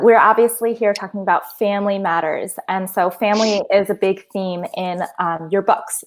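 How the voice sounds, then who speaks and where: Woman, mid pitch, panel moderator, brisk prompts, video call. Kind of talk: panel discussion.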